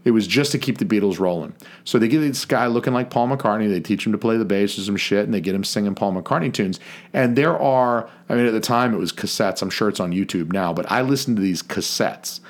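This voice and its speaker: A man co-hosting a podcast, speaking in a measured, mock-formal way that breaks into casual swearing. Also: on the low side. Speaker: podcast co-host.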